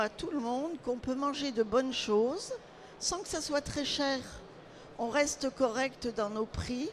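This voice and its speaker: An older woman from Lorraine speaks into a handheld mic about her bakery's recipes, with a slightly high voice and evident pride. She tells her stories warmly and in detail. A faint hum of the fair hangs behind her. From Lorraine, France. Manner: proud, storytelling about family recipes. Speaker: baker and caterer, retired owner. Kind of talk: casual interview at a trade fair. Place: trade fair stage, indoors.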